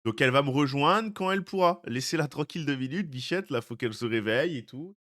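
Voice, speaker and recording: This young man talks fast and expressively in a mid-range voice that is a bit bright. He's live-streaming, casually chatting with viewers, greeting them by name, teasing them and adding jokey comments.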